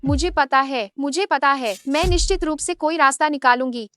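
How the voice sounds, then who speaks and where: A woman dubbing the role of an older housemaid who is deep in debt, pleading one moment and coldly scheming the next. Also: normal speed, fairly bright tone, no room sound, soft background music. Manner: pleading, then cold and scheming. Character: scheming older maid, pleading then greedy. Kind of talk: Hindi drama dub.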